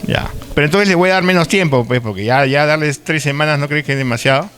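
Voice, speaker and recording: Lima guy teaching a uni class, slightly high voice, keeps asking the room "no?", stumbles on words sometimes. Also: fast, a bit bright, slight background noise. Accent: Lima Peruvian Spanish. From Peru. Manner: conversational, asks the class frequent tag questions; occasional stutters and restarts. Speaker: university lecturer. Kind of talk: live classroom lecture.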